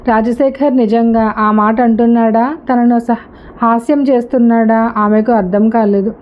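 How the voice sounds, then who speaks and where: A woman's voice: on the high side, fairly even intonation, moderate pace. A woman narrating a story, slightly lo-fi. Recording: slightly dull lo-fi recording.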